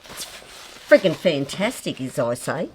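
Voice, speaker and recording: Brief: woman host, middle-aged, playful and chatty, low voice that swings widely in pitch. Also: slow, background noise. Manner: chatty, swears playfully, animated. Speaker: fluid art host. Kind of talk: casual chat while painting.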